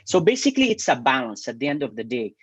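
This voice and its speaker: A man's voice: medium pitch, sing-song, fast talker, breathy edge, no echo. A man from Syria, explaining his bee research in an interview with many hesitations and restarts. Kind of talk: interview answers.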